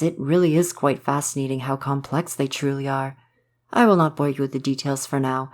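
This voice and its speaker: With a mid-range voice and only light acting, a man portrays a gentle forest spirit fascinated by humans in a soft, romantic ASMR audio drama. His tone is thoughtful and explanatory, and he speaks in the formal, polite, antiquated manner of a courtly woodland being.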